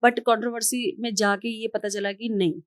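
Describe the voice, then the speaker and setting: An outspoken woman from Haldwani in India talks as a podcast guest, her voice sitting fairly high. She speaks emphatically and hands out firm advice. The sound is dry and close. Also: fairly even intonation, normal speed, no echo. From Haldwani, Uttarakhand, India. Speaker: podcast guest, entrepreneur and influencer. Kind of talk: podcast interview.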